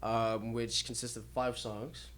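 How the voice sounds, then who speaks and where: A man's voice: medium pitch, flat delivery, measured pace, fairly bright tone, a little hiss or hum. A man being interviewed on a radio show about his music, talking candidly and easily with plenty of ums and likes. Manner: candid, laid-back, frequent um and like. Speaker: music artist guest. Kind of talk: casual interview. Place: radio studio.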